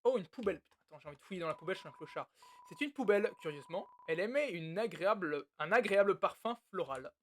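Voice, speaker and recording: A let's play host reads a video game's text aloud while making crude, joking, muttered asides in casual commentary. His high-pitched, somewhat bright voice is expressive and rapid-fire. There's a little hiss or hum in the recording.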